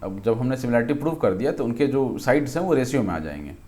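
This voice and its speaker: A man's voice: medium pitch, big pitch swings, quick pace, a little mellow. Man teaching physics, thinking aloud. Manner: conversational, checks in often with rhetorical questions; thinks aloud, restarts and self-corrects. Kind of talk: explaining a lesson at a board.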